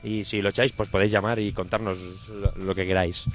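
A man in his thirties co-hosts a comedic radio show with a lowish voice. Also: flat delivery. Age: 30s. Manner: halting, promotional. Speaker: radio co-host.

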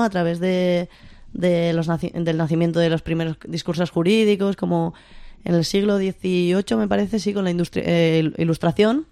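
A speaker of unclear sex with a Spain accent and a slight lisp, explaining informally and haltingly, often checking with short tag questions. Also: medium pitch, darkish tone, clean tone, no echo, clean studio sound. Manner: lisping, pronouncing s as th. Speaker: discussion leader.

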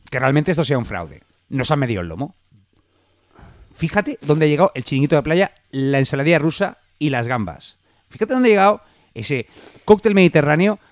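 A man's voice: a little high, dry recording. A man co-hosting a casual comedic chat about the news, playful and rambling. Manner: animated, playful, rambling asides. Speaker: podcast co-host.

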